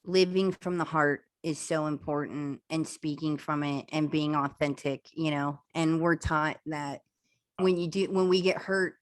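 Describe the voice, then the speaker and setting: A woman's voice: low-pitched, steady tone, measured pace, no room sound. A woman guest speaker talking earnestly and chattily on a video call, with many "um"s and "like"s. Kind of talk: casual video-call chat.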